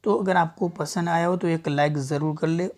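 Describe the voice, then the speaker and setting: A man's voice: on the high side, steady tone, moderate pace, darkish tone. A man teaching an Urdu lesson, patiently contrasting wrong and right pronunciations and repeating words for learners. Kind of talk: online language lesson. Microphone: small clip-on mic.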